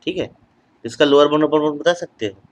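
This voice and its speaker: A man's voice: fairly high pitch, rough recording. A man giving a recorded online math lecture, mixing Hindi with English terms and repeating phrases as he writes them out. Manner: slow, repeats phrases while writing on board.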